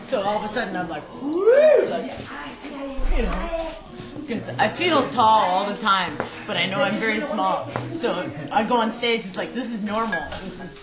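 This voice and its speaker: A woman's voice: mid-range voice, brisk, few pauses, roomy sound, music in the background. A woman, a rock musician, joking around in a casual interview, laughing and swearing freely.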